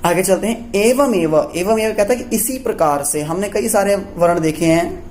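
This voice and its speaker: A man's voice: high voice, normal speed, a little mellow, slight background noise. A man teaching a Sanskrit lesson for young pupils. He asks questions and answers them himself, checking in often as he goes. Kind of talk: classroom lesson explaining letters.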